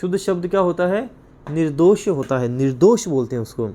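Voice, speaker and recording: A man's voice: on the high side, lively intonation, brisk, mellow. A man with a Rajasthani Hindi accent teaching an exam-prep grammar lesson, explaining patiently, repeating points and asking questions he then answers himself.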